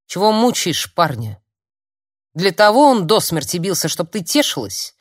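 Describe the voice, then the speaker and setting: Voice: mid-range voice, sing-song, normal speed, breathy edge, no echo, clean studio sound, voice pushed up. A narrator voicing a stern, angry male mentor who speaks harshly with a raised voice in an audiobook. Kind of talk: audiobook character voice.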